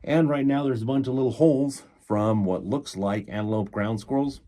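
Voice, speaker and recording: A man's voice: mid-range voice, normal speed, dark tone. A man narrating an outdoor exploration vlog in a casual, rambling, explanatory way, speaking as the presenter.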